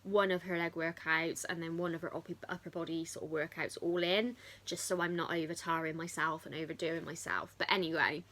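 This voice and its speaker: A woman's voice: low-pitched, steady tone, a little fast, hardly any pauses, a bit bright. A woman chatting casually as a fitness vlogger, rambling off on tangents. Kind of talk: casual chat to camera.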